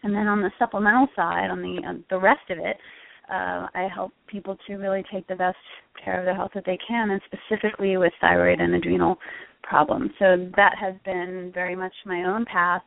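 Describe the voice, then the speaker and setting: This health coach, a middle-aged American from Connecticut, shares her own story in a conversational interview. Her lowish voice is creaky and level-toned, a little fast, with no echo. The sound is a tinny, narrow-band phone line.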